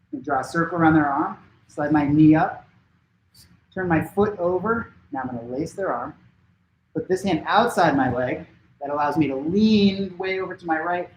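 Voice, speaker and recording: A man's voice: on the high side, bright, forceful tone, a little hiss or hum. Echoey instructor man coaching drills. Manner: brisk step-by-step coaching cues. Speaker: martial arts instructor. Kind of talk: live-streamed class instruction. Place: home training room.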